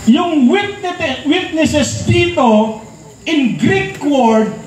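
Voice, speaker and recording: High-voiced Filipino preacher shouting in an echoey hall. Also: male voice, expressive, far from the mic, a little hiss or hum. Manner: shouting, drawn-out emphatic preaching. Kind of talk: sermon at a youth camp. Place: large hall with a crowd. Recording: echoey hall, miked from afar.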